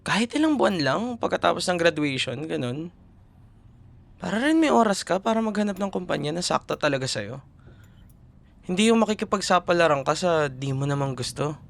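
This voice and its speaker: A young man with a Filipino accent plays a caring yet exasperated college boyfriend in an intimate audio roleplay, speaking casual, earnest Taglish that mixes Tagalog and English. His voice is on the high side with lively intonation and vocal fry, fairly quick, and he sounds concerned and coaxing.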